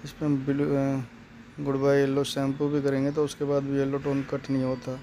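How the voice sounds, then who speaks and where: A man's voice: medium pitch, monotone, normal speed, warm tone, slight background noise. A man talking through a hair coloring job step by step in a plain, explanatory way. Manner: plain, explanatory, repeats steps. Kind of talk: step-by-step salon tutorial narration.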